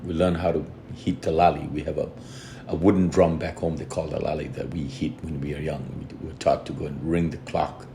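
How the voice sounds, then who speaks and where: A man's voice: very deep voice, a little fast, few pauses, background noise. A man from Fiji, a reggae band's lead singer talking earnestly and reflectively as an interview guest. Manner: earnest, reflective, steady storytelling. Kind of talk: casual interview conversation.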